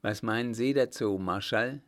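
A man's voice: mid-range voice, normal speed, natural voice. A man voicing a stern, imperious emperor in an audiobook, snapping out short, clipped questions. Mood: contemptuous, confident. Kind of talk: audiobook character voice.

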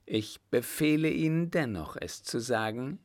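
A man's voice: medium pitch, takes it slowly, creaky, pitched above the performer's own voice. A man voicing a stern middle-aged emperor who questions in curt, clipped phrases with cold irony.

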